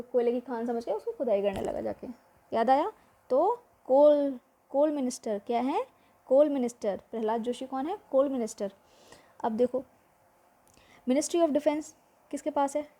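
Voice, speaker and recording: High-voiced, mellow woman teacher. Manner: quizzing the listener with repeated questions. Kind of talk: exam-prep memory-trick lesson.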